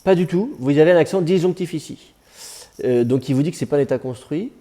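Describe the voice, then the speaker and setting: A man's voice: on the high side, a little fast, dark tone. A man teaching biblical Hebrew to a class, with a conversational, digressive manner and joking asides. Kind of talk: classroom lecture.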